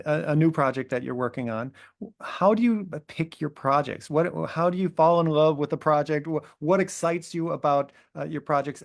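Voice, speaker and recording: A man's voice: on the high side, vocal fry. A man interviewing a filmmaker, asking long, rambling questions full of hesitations.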